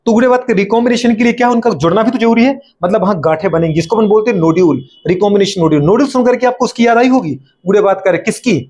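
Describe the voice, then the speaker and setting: A man's voice: high-pitched, very fast, hardly any pauses, darkish tone. A male biology teacher with a Hindi accent, lecturing a class, often asking questions and answering them himself, teasing his students.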